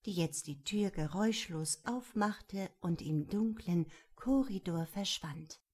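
A woman narrating a children's storybook in a measured, gentle storytelling manner. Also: lowish voice, breathy edge. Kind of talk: storybook reading.

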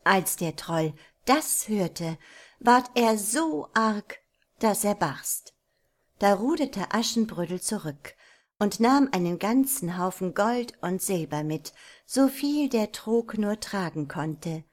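A woman reading a folk tale aloud as a storyteller, narrating calmly and evenly. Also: medium pitch. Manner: calm, measured narration.

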